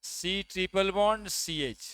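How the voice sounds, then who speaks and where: A man's voice: sits high, slow pace, a bit bright, smooth, no room sound. A man from India teaching a chemistry class, counting atoms aloud and checking with his students. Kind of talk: classroom lecture.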